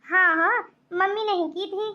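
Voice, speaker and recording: A woman's voice: extremely high pitch, steady tone, measured pace, highs cut off. Woman voicing a caring young husband. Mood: easygoing. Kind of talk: cartoon voice acting.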